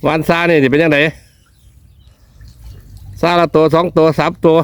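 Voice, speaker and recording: Out in the countryside, a vlog host speaking with an Isan, or northeastern Thai, accent gives exclamatory commentary, repeating brief phrases along the way. He has a fairly high, clear, resonant voice with level intonation and a slightly slow pace, and there is no room sound.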